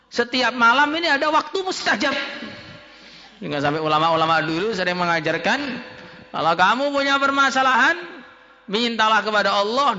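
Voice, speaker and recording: A man's voice: high voice, bright, forceful tone. A man preaching a sermon at a boarding school, telling stories with acted quotes and humor. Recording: echoey hall, dull lo-fi sound.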